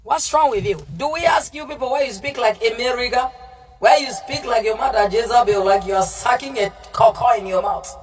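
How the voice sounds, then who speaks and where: Over music, a woman with a fairly high voice speaks fairly quickly as she preaches on a livestream, scolding and confronting her audience, repeating herself and mixing in Pidgin. It's a fiery, informal sermon in which she answers live comments, and she sits at a distance from the microphone.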